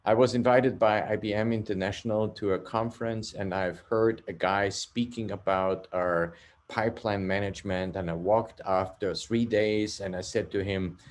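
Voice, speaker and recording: A middle-aged man from Austria with an Austrian German accent, a guest telling the story of his business in an animated way, repeating words and tagging sentences with "yeah?". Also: fairly low pitch, moderate pace. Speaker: guest, software company CEO. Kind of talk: interview storytelling.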